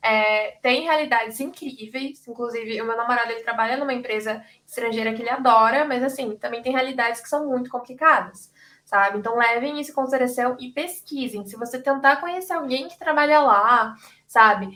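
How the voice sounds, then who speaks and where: A woman's voice: a little high, brisk, sharp tone. A young woman from Brazil giving career advice on a panel, chatty and full of "sabe?" and "tipo".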